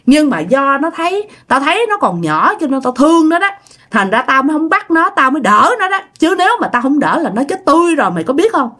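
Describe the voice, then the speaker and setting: A woman voicing a lonely, gruff but kind ghost of a boy who died young, with a blunt, rough way of talking. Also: high-pitched, sing-song, brisk, fairly bright tone, pitched above the performer's own voice. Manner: blunt and rough-spoken, pleading at times.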